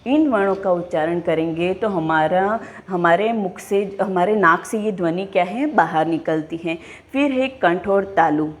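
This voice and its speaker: Woman, teacher, classroom lesson, slow, careful enunciation, asks and answers her own questions. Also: fairly low pitch. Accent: Hindi. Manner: slow, deliberate, enunciating each sound and posing questions to pupils.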